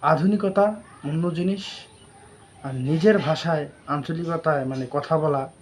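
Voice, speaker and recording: A man delivering a reflective spoken monologue in an earnest, deliberate way, pausing between phrases. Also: a little high, slight background noise. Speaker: social media creator.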